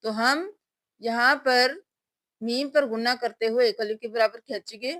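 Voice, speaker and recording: A woman gives a tajweed lesson on reading the Quran, naming each letter before a slow, stretched-out recitation of the word. She speaks a little high, with a slightly bright tone and no audible room.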